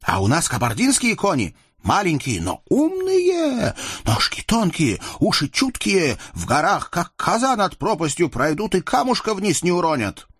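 A man voicing a proud, hot-headed young horseman in a storybook reading, boastful, with a husky voice. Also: high-pitched, wildly swooping pitch, normal speed, fairly bright tone, no room sound, clean studio sound, voice pushed up, heavily acted. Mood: earnest. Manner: boastful, indignant.

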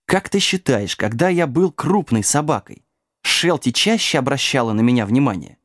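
A man's voice: medium pitch, animated, moderate pace, a bit bright, no echo, studio quality. A man voicing a cheeky, talkative male lapdog who squeals and whines, in an audiobook reading. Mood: hopeful. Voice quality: squealing, raised voice. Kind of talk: audiobook character voice.

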